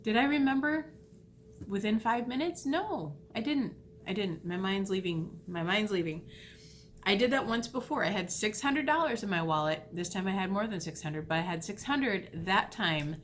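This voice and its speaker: A woman vlogging in a casual, rambling way, retelling a mishap with animated, self-deprecating asides. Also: mid-range voice, moderate pace, slight background noise. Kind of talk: casual storytelling vlog.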